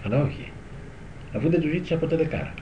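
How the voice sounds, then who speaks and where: On a dull old tape recorded in an echoey room, with slight background noise, an older man reminisces about his days as a guitar teacher. His fairly high, mellow voice has lively intonation, and he rambles conversationally, often asking whether listeners understand.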